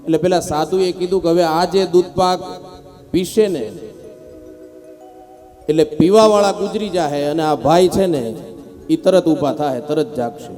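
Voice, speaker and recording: A man preaching a devotional sermon as a lively storyteller who acts out the characters in his parable. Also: on the high side, a little slow, pauses often, soft background music. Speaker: scripture reciter.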